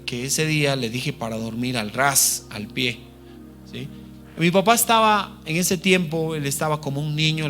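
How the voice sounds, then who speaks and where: A man's voice: a little high, sharp tone. A man preaching a sermon, telling a personal story in an earnest, personal way and often checking in with his listeners. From Peru. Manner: earnest, personal, frequent tag questions. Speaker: missionary preacher.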